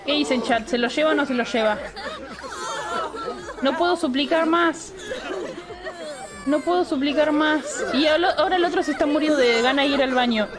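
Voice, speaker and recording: High-voiced Rioplatense woman commentating a game. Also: normal speed, pauses often, crowd noise. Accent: Rioplatense Spanish. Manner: animated, laughing, exclaiming. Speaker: Sims let's play host. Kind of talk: excited gameplay commentary.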